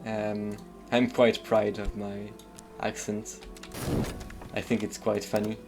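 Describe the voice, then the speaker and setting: Music plays in the background as a man with a low voice and vocal fry speaks slowly, with flat delivery. He's a streamer from the southern suburbs of Paris, France, with a French accent, casually commenting on his game and thinking aloud with lots of hesitant fillers.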